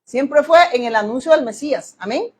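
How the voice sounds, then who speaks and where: High-voiced woman preaching emphatically. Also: moderate pace, a little mellow, breathy edge. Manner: emphatic, asks the congregation questions and acts out quoted voices. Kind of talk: sermon.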